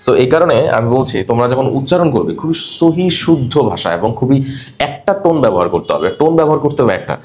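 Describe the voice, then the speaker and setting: A male coaching instructor teaching a room of students at a quick, driving pace. He is emphatic, switches into English words now and then, and keeps correcting how words should be said. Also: mid-range voice, lively intonation, darkish tone. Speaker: cabin crew coaching instructor. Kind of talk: classroom teaching. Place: classroom with students.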